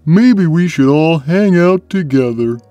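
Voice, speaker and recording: A woman voicing a big, gentle, innocent male cat in a cartoon, simple and mild in manner. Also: low-pitched, animated, measured pace, no room sound, highs cut off, faint music behind. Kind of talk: in-character cartoon Q&A.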